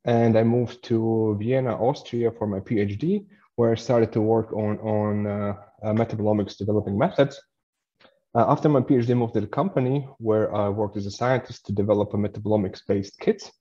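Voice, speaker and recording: A man delivers a webinar lecture in a lowish, mellow voice. He pauses and restarts often, filling gaps with "uh". The sound is slightly muffled, as over a video call. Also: fairly even intonation. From Latvia. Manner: hesitant, many fillers and restarts while explaining.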